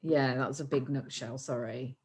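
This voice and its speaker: A woman's voice: rumbling low, steady tone, moderate pace, darkish tone, breathy edge. A young woman co-hosting a podcast, chatting openly and emotionally, laughing often. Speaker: podcast co-host. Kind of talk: casual chat.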